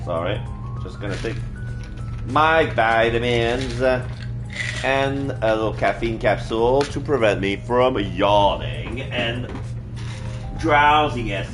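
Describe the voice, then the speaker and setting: A man's voice: medium pitch, animated, slow. A man playing a video game, commenting casually and playfully and reading the on-screen text aloud. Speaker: let's play streamer. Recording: background music under the voice.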